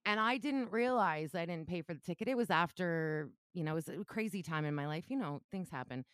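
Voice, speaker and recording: A woman's voice: on the low side, a little fast, clean tone, dry recording, clean studio sound. A woman co-hosting a podcast, telling stories in a casual, laughing way. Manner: laughing, animated storytelling. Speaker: podcast co-host. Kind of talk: casual chat.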